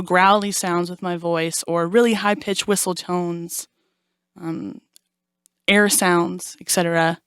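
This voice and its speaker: A woman's voice: mid-range voice, smooth, dry recording, clean studio sound. A young woman, a jazz vocalist, telling stories in an interview and acting out the quotes she tells. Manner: animated storyteller, acts out quotes. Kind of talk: casual interview chat.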